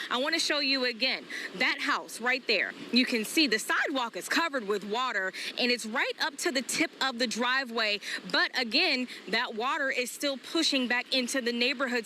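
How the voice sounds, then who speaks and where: Bright, forceful woman reporting live outdoors. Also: on the high side. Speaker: field reporter. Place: outdoors on a flooded street by a marina. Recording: outdoor vehicle and ambient noise.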